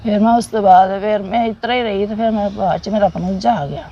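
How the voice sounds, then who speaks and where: A middle-aged soldier's widow from the Jammu region speaks with a Punjabi accent, recalling memories plainly and haltingly while repeating phrases. Her voice is medium-pitched and dark, the recording lacks high frequencies, and there's slight background noise.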